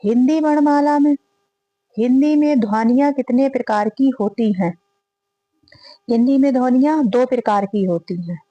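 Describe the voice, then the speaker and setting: High-voiced woman teaching grammar quiz. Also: normal speed, warm tone, no room sound, highs cut off. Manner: reads each question then lists and repeats the options aloud. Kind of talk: exam prep lesson, reading quiz questions and answers.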